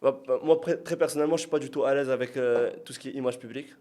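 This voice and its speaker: A man's voice: medium pitch, steady tone, very fast, dark tone. Hesitant man rambling in casual chat. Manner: hesitant, rambling, self-conscious, laughs at himself. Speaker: podcast guest and business partner.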